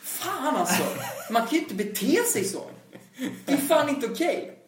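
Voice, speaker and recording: Animated storyteller, roomy and distant. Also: high voice. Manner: animated anecdote, acts out quotes, lots of filler words and swearing. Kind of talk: casual chat. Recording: roomy sound from a distant mic.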